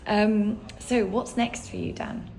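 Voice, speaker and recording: Creaky-voiced woman interviewer in echoey room. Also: mid-range voice, steady tone, slow, darkish tone. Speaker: interviewer, gallery host. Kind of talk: informal interview. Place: indoor cafe gallery. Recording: echoey busy cafe, background chatter.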